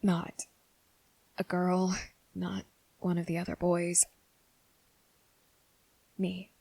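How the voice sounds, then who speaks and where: Here a woman takes the lead in an ASMR roleplay directed at the listener, fully voicing a gentle, earnest, nervous young male trainee who confesses his feelings. Her pitch stays very even, soft and breathy, drifting into whispers as she hesitates and breaks off mid-sentence, tender and careful throughout. The recording is close, dry, free of room sound, and low in quality.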